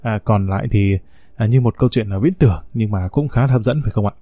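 A male storyteller reads a first-person tale in a steady, unhurried way. His voice is mellow and darkish, and the recording is dry and close, with no room sound. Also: on the low side, dry recording. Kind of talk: scripted story narration.

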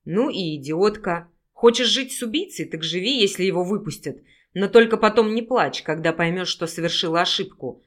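A woman's voice: medium pitch, lively intonation, moderate pace, close to an everyday voice. A woman doing a sneering werewolf investigator. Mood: scornful. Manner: contemptuous, raises voice to shout. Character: scornful male werewolf investigator, menacing.

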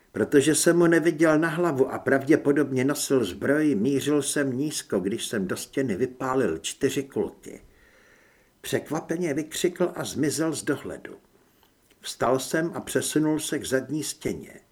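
A man reading a first-person action audiobook in a steady, measured way, with a husky voice. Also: mid-range voice. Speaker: audiobook narrator.

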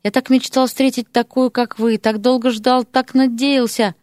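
A woman voicing a young male mage who pleads and flatters with gushing earnestness. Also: fairly high pitch, moderate pace, dry recording, studio quality, pitched above the performer's own voice, close to an everyday voice. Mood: pleading, gushing.

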